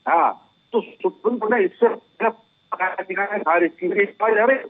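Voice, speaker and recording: A man's voice: high-pitched, moderate pace, gravelly. A man calling in as a social worker over a mobile phone line that keeps breaking up, repeating himself and asking if he can be heard. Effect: choppy phone line that keeps cutting out. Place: rural spot with weak mobile signal.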